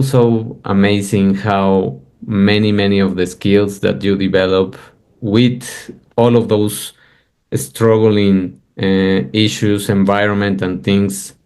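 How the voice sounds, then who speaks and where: Slow, low-voiced thoughtful man. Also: level tone, darkish tone, clean tone. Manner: thoughtful, hesitant, many fillers. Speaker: podcast guest. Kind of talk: casual conversation.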